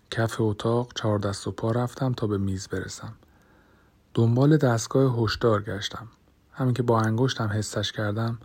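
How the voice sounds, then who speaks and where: A man narrating a first-person audiobook in a measured, dramatic way, sometimes dropping to a hush. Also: fairly low pitch, breathy edge.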